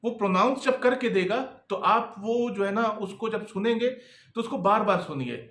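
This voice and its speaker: A man's voice: high-pitched, moderate pace, fairly bright tone. A man coaching freelancers in casual, repetitive talk that keeps checking in with the listener. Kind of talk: casual advice talk to camera. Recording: echoey room.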